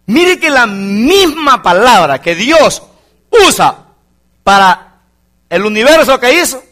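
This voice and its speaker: A man's voice: extremely high pitch, big pitch swings, slow, bright, forceful tone. A male pastor preaching a fervent sermon to his congregation, often calling his listeners brother. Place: church congregation.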